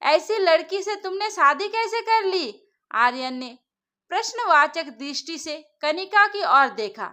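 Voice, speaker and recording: Female storyteller for scripted narration, very high and bright, expressive reading. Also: a little slow.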